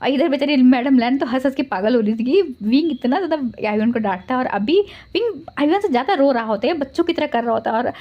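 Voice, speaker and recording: A woman narrating a fan story in a rapid, chatty way as channel host. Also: high voice, animated, highs cut off.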